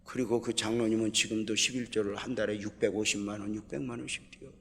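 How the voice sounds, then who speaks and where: A man's voice: lowish voice, level tone, quick pace, creaky, slight background noise. Impassioned middle-aged man preaching in a church hall. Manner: impassioned, swings from hushed storytelling to shouting. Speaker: guest pastor. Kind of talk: revival sermon. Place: church sanctuary. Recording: long reverb of a large church hall.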